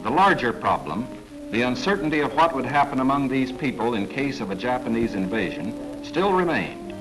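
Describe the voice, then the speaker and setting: A man giving formal, measured 1940s government newsreel narration. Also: medium pitch, very animated, rough recording. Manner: formal, measured, authoritative delivery. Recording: narration over clear background music.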